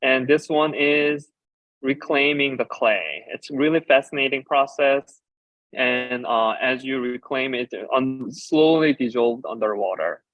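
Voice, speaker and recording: A Korean-speaking designer and ceramicist, a man with an ordinary male pitch, gives a conference presentation talking through his slides on stage. He explains haltingly, pausing often with fillers. The recording is dry, slightly dull and lo-fi, with no room sound.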